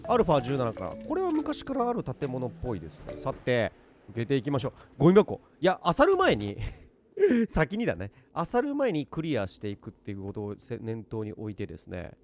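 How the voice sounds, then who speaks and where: A man giving let's play commentary on a survival game, muttering to himself and then breaking into excited outbursts. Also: medium pitch, fairly quick, soft background music. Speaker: game streamer.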